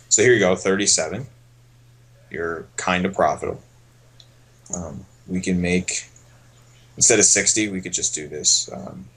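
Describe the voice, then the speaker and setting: A man coaching poker on a casual stream, thinking aloud in a relaxed way as he explains each hand. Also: low voice, slightly rough.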